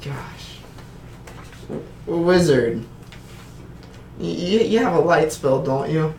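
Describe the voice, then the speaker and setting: A man's voice: on the high side, animated, slow pace, creaky, darkish tone. Stammering male player, role-play banter, roomy room with faint hiss. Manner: stammering, repeats words.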